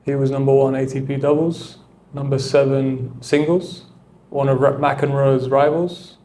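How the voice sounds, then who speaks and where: A man speaking as a guest coach in a relaxed interview, thoughtful and unhurried in how he builds his points. His voice sits at a middling pitch, and his speech is dotted with casual filler words. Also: a little hiss or hum. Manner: reflective, loose with filler words. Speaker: tennis coach and mentor, guest.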